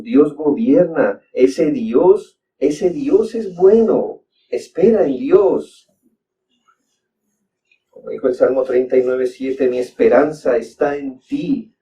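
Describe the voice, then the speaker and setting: Male pastor preaching, earnest and urging, dark tone, muffled distant recording. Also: medium pitch. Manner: earnest preaching, repeated exhortations with emphatic rises. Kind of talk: sermon. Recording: dull distant mic with faint background noise.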